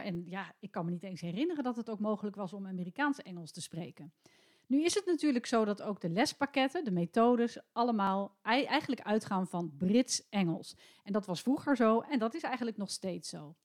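A woman's voice: medium pitch, a little mellow. A woman in her forties from the Netherlands hosts her own podcast as a teacher trainer. She talks in a chatty, opinionated way and often stops to hesitate mid-thought. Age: 40s. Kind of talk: solo podcast talk.

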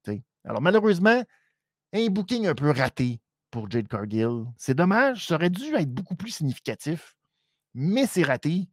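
This wrestling recap comes from a man with a Quebec French accent, delivered as casual live-stream commentary that's lively, mock-dramatic, and often hesitant. He speaks at a normal speed in a voice on the high side. The recording is dry and studio quality.

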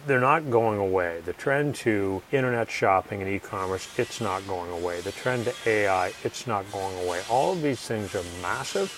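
Guy in an interview, sure of himself, punchy and repetitive, lowish voice, bit of hiss. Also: animated, moderate pace, few pauses, a bit bright, rough recording. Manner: confident, emphatic, repeats key phrases. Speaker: author and guest. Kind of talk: conversational interview.

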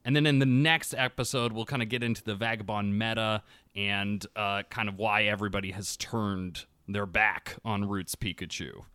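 A man's voice: fairly low pitch, fairly even intonation, normal speed, pushed and bright, dry recording. A man hosting a casual game podcast, talking in an upbeat, loose way. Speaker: podcast host.

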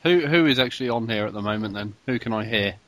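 Bright-voiced chatty podcast host man. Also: on the low side, quick pace. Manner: chatty, laughs easily, swears casually. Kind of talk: casual chat about video games.

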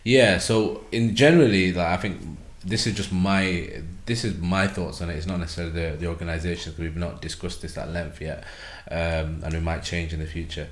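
A man's voice: low-pitched, fairly even intonation, fairly quick, few pauses, a little hiss or hum. A man talking as a guest in a casual podcast conversation, rambling with many fillers and restarts. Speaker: podcast guest from an event organisation. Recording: roomy echo.

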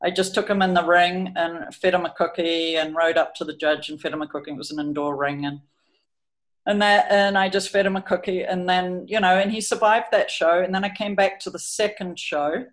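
A woman's voice: lowish voice, fairly even intonation, a little fast. A middle-aged woman, a horse trainer chatting hesitantly through a training video and telling stories about her horse. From New Zealand. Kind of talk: explaining training over a video, storytelling.

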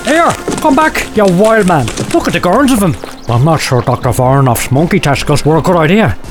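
A man voicing a gruff, crude orderly who talks bluntly and sardonically. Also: high-pitched, animated, brisk. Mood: exasperated.

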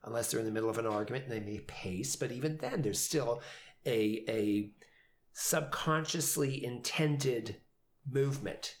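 A man's voice: mid-range voice, moderate pace. A man who directs community theater, talking casually in a podcast about coaching new actors, with many fillers and restarts. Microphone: headphones and studio mic.

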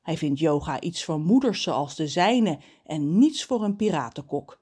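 Lively woman reading a children's story. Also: low-pitched, unhurried, slightly rough.

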